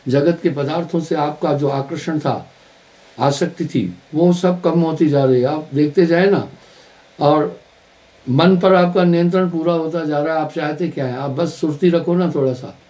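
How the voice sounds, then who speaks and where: A spiritual teacher gives a sermon at a live satsang gathering, speaking at normal speed in a mellow, fairly high-pitched voice. Storytelling carries his message, and he repeats words for emphasis.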